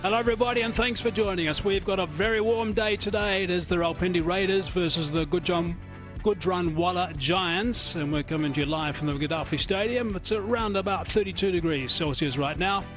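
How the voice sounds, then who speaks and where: A man's voice: high-pitched, brisk, music in the background. A man opening live cricket commentary in an upbeat, chatty way. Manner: upbeat, chatty match intro.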